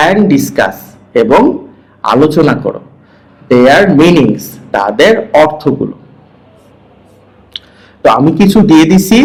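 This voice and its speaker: A man teaching a primary-school English lesson, reading each English phrase and explaining it, often checking in with a quick question. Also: medium pitch, rough recording. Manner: reads English phrases and translates each, asking "hmm?" to check. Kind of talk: online lesson, explaining textbook exercise.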